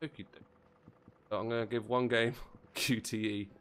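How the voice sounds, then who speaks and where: A man streaming a video game, chatting casually and excitably, rambling and swearing as he plays. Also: fairly low pitch, normal speed, clear, resonant tone. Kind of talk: casual livestream commentary while playing. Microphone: close desk mic. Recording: game music playing behind.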